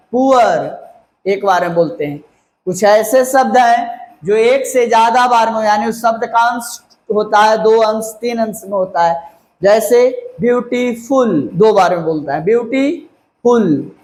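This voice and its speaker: A man teaching a grammar lesson to a class. He talks slowly and repeats key words, spells them out letter by letter and keeps checking whether the class understood. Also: high voice, steady tone, a little mellow. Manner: slow, repeats and spells words out, asks "clear?". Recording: echoey room.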